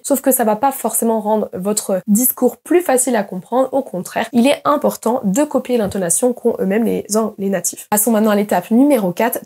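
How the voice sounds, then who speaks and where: A young woman giving an online pronunciation lesson as an English teacher, explaining patiently and slowly modeling example words. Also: mid-range voice, dark tone, husky.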